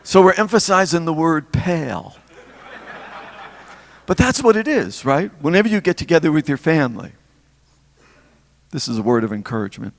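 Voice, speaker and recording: Older male deacon, reflective spiritual talk; gravelly timbre with hall reverb. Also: fairly high pitch, very animated. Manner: reflective storytelling, pausing between phrases.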